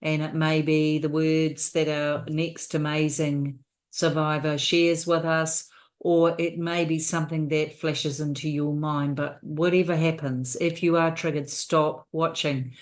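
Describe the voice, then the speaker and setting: A woman's voice: sits low, level tone, measured pace. A woman with a New Zealand accent hosting an interview show, welcoming and earnest. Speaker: host.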